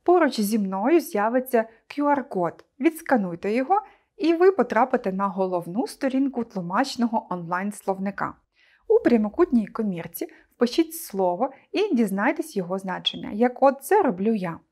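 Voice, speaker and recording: A woman teacher presenting a scripted online lesson, speaking clearly and deliberately to her pupils. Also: on the high side, big pitch swings, a little mellow.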